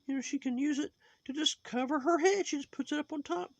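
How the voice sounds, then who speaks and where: A shrill, gravelly preachy sock puppet. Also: male voice, brisk, no echo. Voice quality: high put-on voice. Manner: lecturing, moralizing, rambling.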